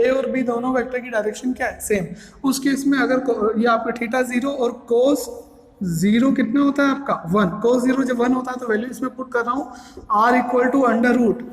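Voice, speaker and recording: A man lecturing on physics, asking questions and then answering them himself as he walks through each step. His voice rings out in a roomy space with a long, trailing reverb. The pacing is repetitive and methodical, built for a classroom. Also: extremely high pitch. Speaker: physics teacher. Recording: echoey room with long reverb.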